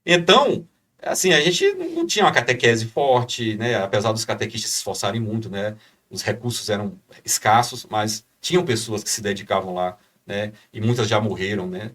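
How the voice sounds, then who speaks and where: A man's voice: on the low side, lively intonation, moderate pace, fairly bright tone, distant mic. Brazilian guy telling his faith story on a podcast, all fervent and preachy, sits kinda back from the mic. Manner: fervent, preacher-like, many "né?" tags. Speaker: podcast guest.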